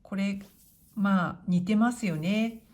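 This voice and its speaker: A woman teaching hiragana, calmly reading the kana one by one and explaining how to write them. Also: mid-range voice, slow pace. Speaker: Japanese teacher.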